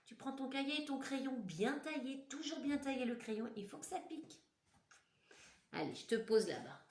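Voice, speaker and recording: A woman's voice: sits high, sing-song, moderate pace, far from the mic. A woman teacher patiently walking young children through a handwriting lesson step by step, recorded at home. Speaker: primary school teacher. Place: room at home. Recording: echoey room, voice set back from the mic.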